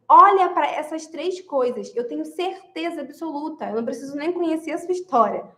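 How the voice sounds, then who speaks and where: Woman, high voice, emphatic direct-address advice giver, roomy echo. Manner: emphatic, repeats key phrases, addresses viewers directly. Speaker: marriage advice speaker. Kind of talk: direct-to-camera advice talk.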